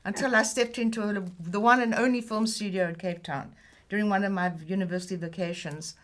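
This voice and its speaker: A woman's voice: medium pitch, fairly even intonation, fairly quick. An older woman with a South African accent, a guest chatting easily and telling stories in an interview. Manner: chatty storyteller who laughs easily. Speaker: guest, film editor and producer. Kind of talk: casual interview chat.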